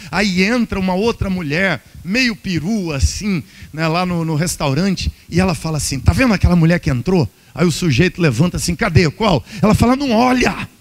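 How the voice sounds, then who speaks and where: A man with a Brazilian Portuguese accent, preaching a humorous sermon as pastor at a couples' retreat and acting out little dialogues. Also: sits high. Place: church hall.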